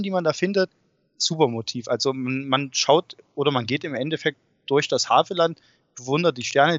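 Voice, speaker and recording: A man talks casually and with enthusiasm as an interview guest. His pitch is average. The recording is a little dull and muffled. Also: a bit bright. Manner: enthusiastic, informal. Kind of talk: casual chat. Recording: dull, muffled sound with room echo.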